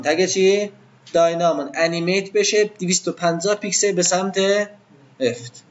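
A man's voice: a little high, darkish tone, dull audio. A man teaching web design to a live class in an informal way, asking the students questions and then answering them himself.

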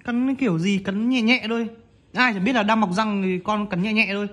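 A pet owner, scolding a kitten in fast, teasing casual talk at home. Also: medium pitch, a bit bright.

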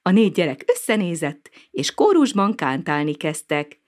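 A woman narrating a children's storybook aloud in an expressive, sing-song manner. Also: lowish voice.

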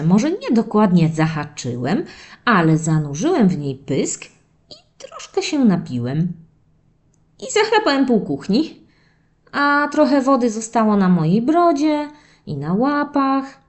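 In a medium-pitched voice, the narrator of a children's audio story series, a woman, plays a mischievous, excited young male terrier pup sharing diary stories with kids. Her first-person telling is lively, dramatic and stretched out for a young audience.

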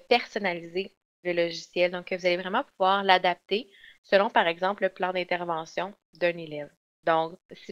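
A woman, presenting software in a webinar and explaining step by step with frequent fillers and restarts. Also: lowish voice. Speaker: software trainer. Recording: dull lo-fi online webinar audio.

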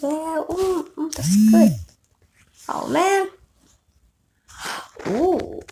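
A woman giving chatty, excitable commentary while playing a video game and talking back to it. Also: high-pitched, drawn-out words, slight background noise. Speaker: gameplay video creator. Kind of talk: casual gameplay commentary. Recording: loud game music behind the voice. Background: game music.

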